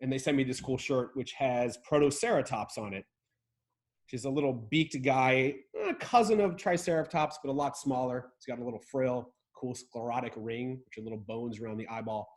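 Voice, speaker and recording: An enthusiastic man from Ohio leads a relaxed online dinosaur lesson over a video call, sitting in a room in a rented home. He talks to his viewers in a chatty, joking way, clearly excited about the subject. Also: mid-range voice, brisk. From Ohio, USA. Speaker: host and dinosaur educator. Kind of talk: casual livestream lesson. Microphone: video call setup.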